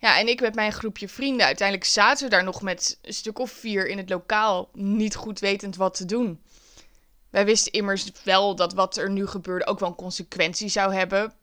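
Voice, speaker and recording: A woman, a teacher herself, telling a story from her school days. She sounds wry and lively and pokes fun at herself, with a voice of middling pitch. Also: moderate pace. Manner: wry, lively, self-mocking. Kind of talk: personal storytelling.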